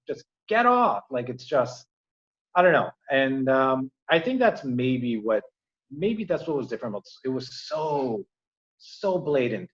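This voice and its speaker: A man speaking as an interview guest, rambling with many fillers and restarts. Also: medium pitch. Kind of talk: casual interview conversation. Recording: dull lo-fi remote audio.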